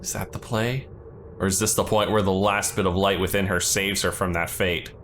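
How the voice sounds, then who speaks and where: A man's voice: sits low, flat delivery, fairly quick, a bit bright, slight background noise. A man doing casual let's play commentary, with informal, slangy asides. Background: game music behind the voice.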